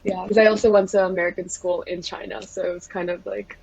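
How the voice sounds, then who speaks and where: A woman's voice: mid-range voice, quick pace, gravelly, slightly rough, dull audio. A young woman from the Philippines, a podcast guest chatting casually with frequent laughs and fillers. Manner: relaxed, laughs often, lots of fillers. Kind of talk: casual interview.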